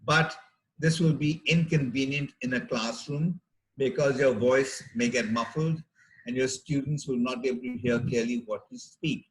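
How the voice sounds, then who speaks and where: Speaking to an audience of teachers, a middle-aged doctor with an Indian accent delivers a health talk in a careful, explanatory manner, pausing between phrases. His mid-range voice keeps a fairly even intonation, captured on a rough recording.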